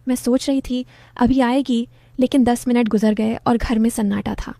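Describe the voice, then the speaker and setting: A woman narrating a romantic family story in the first person, calm and even. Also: a little high, moderate pace, creaky, no echo.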